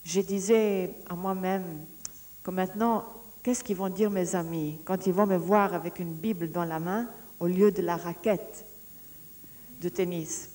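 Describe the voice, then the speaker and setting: A woman giving a personal testimony, telling her story in a lively way and often restarting her sentences as she searches for words. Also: on the low side, unhurried. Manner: lively storytelling, acting out the dialogue she recounts.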